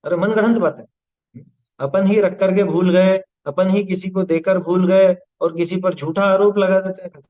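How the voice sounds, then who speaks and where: A man's voice: high voice, steady tone, moderate pace, darkish tone, lo-fi sound. A man teaching a scripture class, explaining patiently and checking understanding with rhetorical questions, now and then reciting Sanskrit verses. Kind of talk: scripture study discourse.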